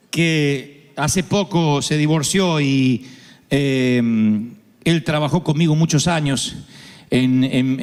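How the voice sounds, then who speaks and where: A middle-aged man with an Argentine accent preaching a sermon, telling funny stories and acting out the voices of the people in them. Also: high voice. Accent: Argentine Spanish. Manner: humorous storytelling, acts out voices. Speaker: pastor. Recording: long reverb of a large hall.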